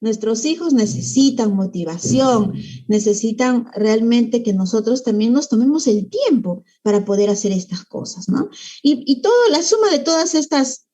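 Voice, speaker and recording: High husky-voiced woman teaching parents. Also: animated, moderate pace, mellow. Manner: explanatory, frequent tag questions. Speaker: parenting workshop speaker. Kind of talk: parenting talk.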